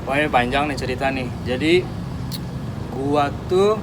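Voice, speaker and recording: A man in his thirties from Indonesia, a tattoo artist telling his story in relaxed, slangy casual chat. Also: medium pitch, unhurried. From Sukabumi, West Java, Indonesia. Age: 30s. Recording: recording with clear background noise.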